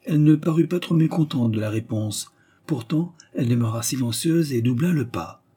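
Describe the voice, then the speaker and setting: A man narrating a literary novel as an audiobook in a measured, even storytelling manner. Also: medium pitch, slightly rough.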